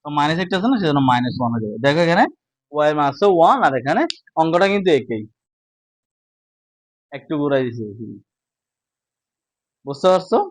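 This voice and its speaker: A man teaching a math lesson, speaking slowly and asking his own questions before answering them. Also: on the high side, animated, no room sound, rough recording. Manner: slow, repetitive, asks and answers own questions. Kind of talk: casual classroom lesson.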